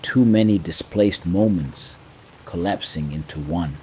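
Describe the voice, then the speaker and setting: A man with a very low voice tells a horror story in a hushed, creeping manner. He speaks very slowly, in measured phrases with dramatic pauses, over faint rain. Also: slight background noise, low-quality recording. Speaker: narrator of horror stories. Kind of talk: scripted horror story narration to fall asleep to. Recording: faint rain ambience behind. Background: soft rain sounds.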